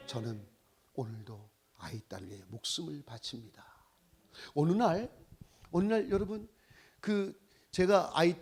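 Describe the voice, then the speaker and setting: A man in his sixties, a missionary preacher, telling personal stories in a sermon with animated, exclaiming delivery. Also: high-pitched. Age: 60s. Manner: animated storytelling, exclaiming and laughing often.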